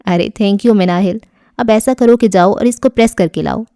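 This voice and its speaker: A woman's voice: medium pitch, mellow, no room sound, studio quality, close to an everyday voice. A woman reading the part of a playful, teasing young man who wheedles favors. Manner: mischievous, wheedling. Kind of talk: audiobook character reading.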